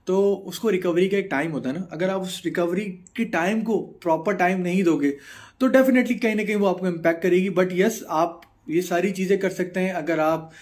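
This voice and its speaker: A man's voice: high-pitched, a little mellow. A man in his thirties with a Pakistani Urdu accent, chatting casually on a live stream as he reads out and answers viewer comments, mixing English into his Urdu. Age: 30s. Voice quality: mixes English into Urdu, frequent filler pauses. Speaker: bodybuilder answering live chat.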